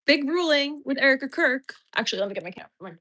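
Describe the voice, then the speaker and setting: A woman's voice: lively intonation, fast talker, bright, forceful tone. A woman hosting a casual livestream from home, chatting loosely with viewers, reading out super chats and rambling from one thing to the next. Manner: baby talk to her dog in a high voice. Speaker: host of a livestream show.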